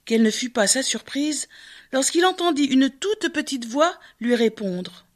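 A woman reading a fairy tale aloud as a storyteller, measured and expressive. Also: sits high. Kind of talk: scripted narration of a fairy tale.

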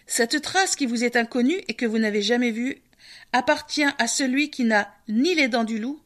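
A woman's voice: on the high side, moderate pace, fairly bright tone, natural voice. A woman voicing an old, wise male raven who lectures the animals solemnly in a storybook reading.

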